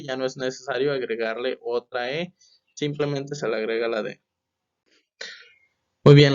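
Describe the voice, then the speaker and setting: A man teaching a grammar lesson, explaining step by step and often checking with a quick question. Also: a little high, highs cut off. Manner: patient, repeats "¿ok?" to check understanding. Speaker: English teacher.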